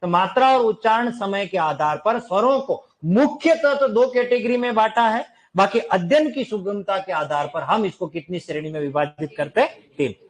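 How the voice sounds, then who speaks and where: A man teaching a classroom lecture, lively and questioning, stretching and singing out examples for his students. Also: high voice, normal speed, hardly any pauses.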